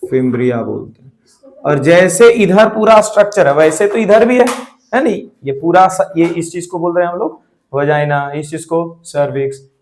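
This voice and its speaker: A male teacher runs a biology lesson in a slightly high voice. He mixes English terms into Hindi, throws questions at the class and answers them himself, checking in with frequent "theek hai"s.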